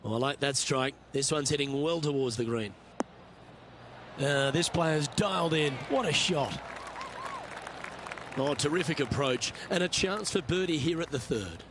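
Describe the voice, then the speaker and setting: A man's voice: fairly high pitch, a little slow, long pauses, a crowd in the background, noisy background. A man doing live golf commentary in brief reactive calls between shots.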